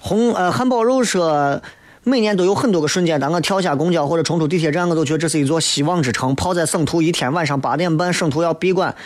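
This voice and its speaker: A man's voice: fairly high pitch, fast. A man with a Shaanxi accent from Xi'an hosts a casual radio chat, reading out and answering listener messages in a playful, teasing, colloquial way. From Xi'an, Shaanxi, China. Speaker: radio show host. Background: background music.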